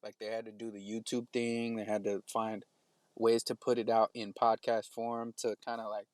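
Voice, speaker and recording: A man's voice: lowish voice, level tone, moderate pace, no room sound. A man talking casually on a podcast, rambling with many stops and restarts.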